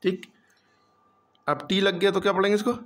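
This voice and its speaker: A man's voice: high voice, flat delivery, normal speed. A man teaching English reading in a patient classroom lesson, drilling students with repeated questions.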